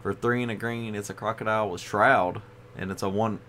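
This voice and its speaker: A tired man with a lowish voice talks through a casual card review, rambling and leaning on fillers as he goes. Faint ambient sound hums underneath. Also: fairly even intonation, a little fast, a bit bright, a little hiss or hum. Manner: rambling, with frequent "you know" fillers. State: tired, yawning. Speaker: card game video host.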